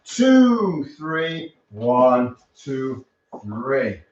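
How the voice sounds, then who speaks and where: A man's voice: medium pitch, big pitch swings, very slow, a little hiss or hum. A man teaching a live-streamed dance lesson, teasing his partner and counting the steps aloud. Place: dance studio. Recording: roomy, distant, dull camera sound.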